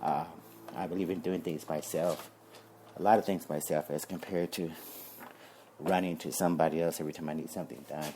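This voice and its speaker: A man's voice: very deep voice, fairly even intonation, a little fast, warm tone, slight background noise. A man who owns a security business talks casually and rambles with little chuckles. He is a bit out of breath from wiping down his car outdoors. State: slightly out of breath while cleaning. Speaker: surveillance company owner. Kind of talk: casual promotional talk.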